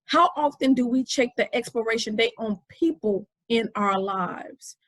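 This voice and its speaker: A woman's voice: on the high side, a little slow, a bit bright, no echo, poor audio. Chatty woman podcast host, dry sound. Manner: storytelling, conversational with many fillers. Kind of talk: casual inspirational talk.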